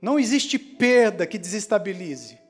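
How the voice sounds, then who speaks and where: A man preaching a testimony sermon, telling his story and quoting others in hushed voices. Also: high voice, sing-song, moderate pace, husky, faint music behind.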